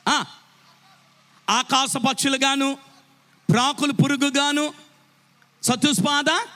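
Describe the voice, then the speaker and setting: A man's voice: very high voice, a bit bright. A man with a Telugu accent, preaching a sermon at an evening gospel meeting, emphatic and often calling on the crowd to respond. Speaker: pastor.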